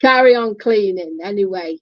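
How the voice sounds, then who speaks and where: A woman's voice: mid-range voice, moderate pace, no room sound. A woman casually telling a personal story in a blunt way and swearing freely. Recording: dull lo-fi recording.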